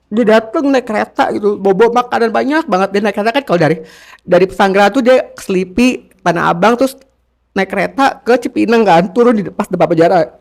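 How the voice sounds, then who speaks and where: High-voiced guy from jakarta with a creaky gravelly edge, slangy casual confessional interview talk, keeps repeating himself. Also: fast talker. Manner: rambling, repeats phrases, emotional; slangy informal speech. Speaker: interview guest.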